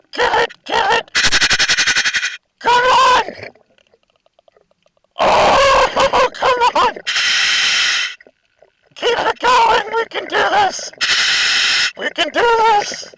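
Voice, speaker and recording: A man scuba diving and vlogging as he talks through a full face dive mask underwater. He talks casually and breaks into squealing, high exclamations when he gets excited. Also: extremely slow, gravelly, long pauses. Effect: talking through a full face dive mask underwater. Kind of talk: casual underwater vlog narration. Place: underwater in a shallow kelp bay. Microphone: mic inside a full face dive mask. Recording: noisy underwater mask recording.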